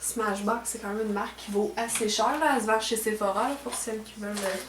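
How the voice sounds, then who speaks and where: A woman's voice: medium pitch, fairly even intonation, fast, background noise. A young woman with a Quebec French accent chatting casually through a beauty unboxing at home, with lots of fillers and trailing "là". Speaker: beauty vlogger. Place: at home indoors. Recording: echoey room.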